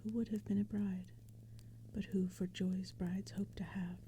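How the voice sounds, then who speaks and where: A woman narrates and reads poetry in a hushed ASMR whisper, her breathy, medium-pitched voice very dark and mellow. She keeps a flat, gentle melody at a slow, measured pace while a crackling fire and forest sounds play softly behind her.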